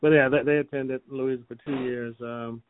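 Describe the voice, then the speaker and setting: Halting older man interviewing, flat delivery. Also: mid-range voice. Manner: halting, tentative questioning with long hesitations. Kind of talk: oral history interview. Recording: thin, phone-like, band-limited sound.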